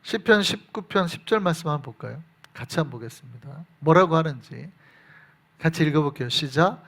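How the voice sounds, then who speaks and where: A man's voice: a little high, lively intonation, fairly quick, fairly bright tone. A man preaching a sermon who keeps asking the congregation questions. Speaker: pastor. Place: church.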